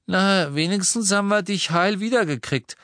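Ein Mann, der in einem Hörbuch einen verletzten jungen Mann spricht, der gedehnt und trocken Witze macht. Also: male voice, high voice, moderate pace, a bit bright, no room sound, studio quality, voice pushed up. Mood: joking. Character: wounded young man, joking twin.

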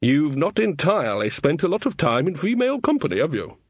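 A man's voice: a little high, sing-song, brisk, breathy edge, no room sound, voice pushed up, heavily acted. A man playing a blunt, earthy old witch. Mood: wry. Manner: folksy, blunt, teasing. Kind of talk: audiobook character reading.

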